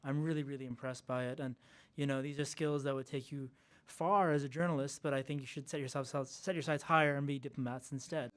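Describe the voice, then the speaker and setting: A man's voice: medium pitch, fairly even intonation, brisk. A man speaking as a judge, making effusive, unscripted closing remarks. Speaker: judge on a panel.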